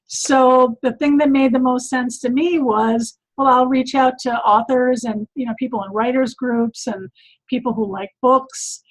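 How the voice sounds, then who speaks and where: A woman's voice: high voice, fairly even intonation, unhurried, rough recording. A woman coach talking casually on a group call, rambling with many ums and restarts. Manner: rambling, lots of fillers and restarts. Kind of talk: casual chat.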